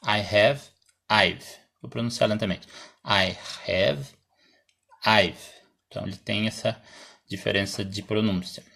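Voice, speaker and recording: A Brazilian man teaching English in a live stream, explaining slowly, reading example sentences aloud, clearing his throat often and answering viewers' questions. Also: lowish voice, fairly even intonation, fairly bright tone. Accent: Brazilian Portuguese. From Santa Catarina, Brazil.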